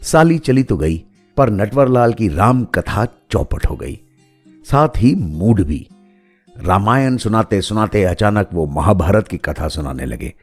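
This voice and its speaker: A man's voice: fairly low pitch, lively intonation, a little slow, faint music behind. A man narrating a humorous story in a wry, storytelling manner. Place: home setup.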